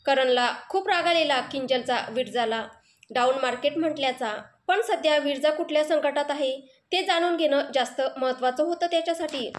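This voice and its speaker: A woman's voice: high voice, normal speed. A woman storyteller giving an emotive, dramatic, scripted narration of a romantic story.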